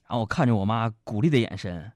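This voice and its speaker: A man's voice: lowish voice, lively intonation, fast, darkish tone, no echo. A man with a Northeastern Chinese accent doing a chatty comic monologue, talking straight to the audience. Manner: chatty, addresses audience as friends. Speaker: stand-up comedian.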